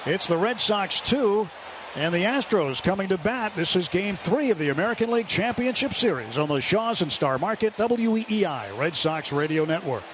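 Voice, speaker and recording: A man with a high-pitched voice and lively intonation calls live baseball play-by-play on the radio at normal speed. Loud ballpark crowd noise and stadium ambience fill the background.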